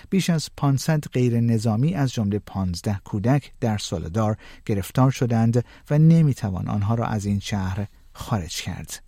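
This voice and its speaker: A male news anchor reads his bulletin in a measured, even way. His voice is dark and mellow. The sound is dry and close, with no room around it. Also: medium pitch, no echo. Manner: measured, even newsreader delivery. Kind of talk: scripted news reading.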